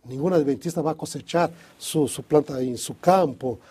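Husky man with a tinged Spanish. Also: fairly high pitch, moderate pace, dark tone. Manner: hesitant, restarts often, thinks aloud. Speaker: Bible study co-host. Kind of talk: casual religious discussion.

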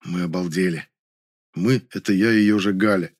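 A man reading a first-person story as an audiobook narrator, in an even, dry manner. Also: deep voice, moderate pace.

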